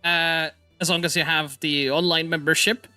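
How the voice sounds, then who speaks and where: A goofy, upbeat stream host talks fast in a fairly high, bright, forceful voice with a flat delivery, joking with his guest and explaining how to join a game in casual gaming stream chat. There's no room sound and faint music plays behind him.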